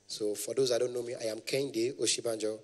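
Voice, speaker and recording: A man's voice: mid-range voice, fairly even intonation, fast, a little mellow, big-room sound. A young adult man with a Nigerian accent, doing stand-up comedy as an event MC, playful and formal with the audience.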